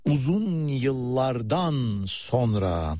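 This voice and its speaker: A man's voice: mid-range voice, big pitch swings, extremely slow, dark tone, no room sound, clean studio sound. A man presenting live radio news with commentary, addressing listeners in a hesitant, conversational way and turning to colleagues mid-broadcast.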